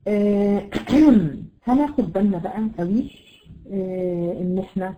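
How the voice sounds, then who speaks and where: A woman with an Egyptian accent teaching a tajweed lesson, slowly drawing out example words with many fillers. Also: mid-range voice, lo-fi sound. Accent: Egyptian Arabic. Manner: patient, drawn-out example words, frequent fillers. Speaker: Quran recitation teacher.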